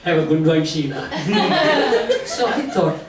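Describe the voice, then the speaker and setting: Older guy from sri lanka, wry comic storyteller, highish voice, echoey room with laughter behind. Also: sing-song, slow pace, recorded from a distance, over a noisy crowd. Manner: wry self-mocking storytelling, voicing his own inner panic in high squeals. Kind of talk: comic storytelling to a live audience. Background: audience laughter and room ambience.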